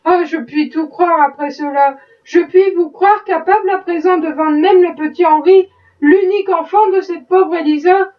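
A woman's voice: high voice, fairly even intonation, a little slow. A woman reading the part of a pious, indignant plantation wife, pleading in earnest. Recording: muffled, distant mic.

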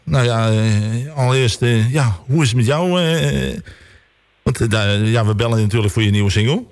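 A man's voice: medium pitch, moderate pace. A man hosting a local radio show, introducing a song and a phone guest with many hesitant fillers. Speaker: radio host. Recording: radio studio with music underneath.

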